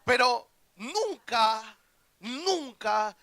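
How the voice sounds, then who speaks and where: In a church hall, a young man with a Rioplatense Spanish accent preaches a lively youth camp sermon, acting out quoted voices and joking with the audience. His voice is very high-pitched and extremely slow, with no room sound.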